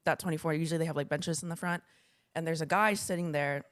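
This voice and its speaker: A woman's voice: sits low, steady tone, quick pace. A woman co-hosting a casual podcast, telling a story in an earnest, suspenseful way. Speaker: podcast co-host.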